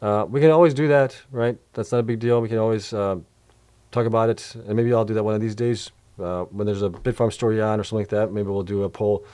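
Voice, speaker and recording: A middle-aged man chats loosely on a late-night livestream, answering viewer questions with plenty of fillers and restarts. His voice is fairly low and warm, with a mellow tone. It sounds worn out from a long session. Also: steady tone, quick pace, smooth. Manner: loose and rambling, many fillers, reads chat aloud. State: voice getting worn out. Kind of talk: casual livestream chat.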